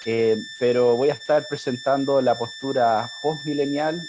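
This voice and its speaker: A man's voice: mid-range voice, moderate pace. A man from Chile, speaking as a panelist while he has a cold. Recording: noisy line with steady background noise.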